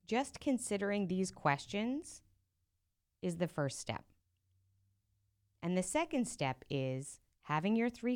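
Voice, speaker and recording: A woman's voice: lowish voice, darkish tone, clear, resonant tone. A woman hosting her own podcast as a business coach, talking straight to listeners in a direct, encouraging way and often asking rhetorical questions. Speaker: podcast host and profit coach. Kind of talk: solo podcast coaching talk.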